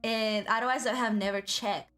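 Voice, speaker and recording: A woman with a fairly high voice streams in a cute anime streamer manner. She chats casually and rambles through her asides with an excitable streak. Music plays behind her. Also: normal speed. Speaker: VTuber livestream host. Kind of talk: casual livestream chat.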